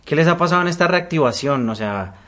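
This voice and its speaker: A man's voice: a little high, expressive, fast talker, a bit bright. A man, co-hosting a casual podcast, rambling and hesitant with lots of fillers. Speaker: podcast co-host. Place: studio, recorded in person.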